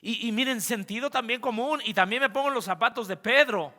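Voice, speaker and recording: High, bright pastor preaching. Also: male voice, a little fast, in a large hall. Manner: animated, swings between loud and hushed, talks straight to the congregation. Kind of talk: sermon. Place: church sanctuary.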